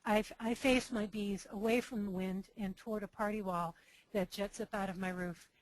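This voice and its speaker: A woman's voice: medium pitch, fairly even intonation, normal speed, rough recording. A woman beekeeper answering a question in a webinar, talking it through with restarts and stammers. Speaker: beekeeper guest.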